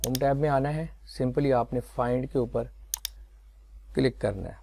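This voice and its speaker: Guy, gravelly voice, mid pitch, patient step by step tutorial talk. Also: mellow. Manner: unhurried step-by-step explaining with fillers. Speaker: software tutorial teacher. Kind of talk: screen-recorded tutorial.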